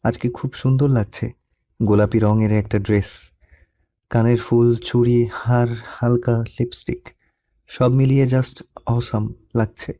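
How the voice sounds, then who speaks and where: A young man narrating a first-person love story in a soft, melancholy storytelling manner. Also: mid-range voice, little pitch movement, a little slow. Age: young adult.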